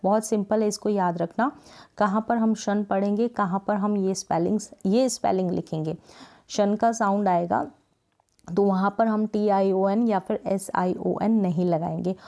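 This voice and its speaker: A woman from India teaching English spelling rules, patiently repeating words and stretching syllables slowly to show pronunciation. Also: mid-range voice, fairly even intonation, darkish tone. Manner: slow, drawn-out syllable-by-syllable pronunciation drills; patient, repeats words often with "thik hai" checks. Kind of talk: explanatory lesson.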